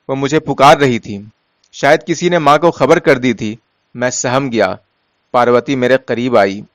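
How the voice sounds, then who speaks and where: A man with a mid-range voice narrates a story in a measured, steady manner, softening his voice for quoted lines. There is no room sound.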